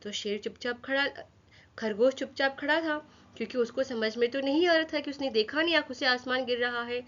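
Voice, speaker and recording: A woman teacher tells a children's story, repeating each step and asking her class questions along the way. Her voice is bright and a little high. The recording sounds dull and lo-fi. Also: brisk.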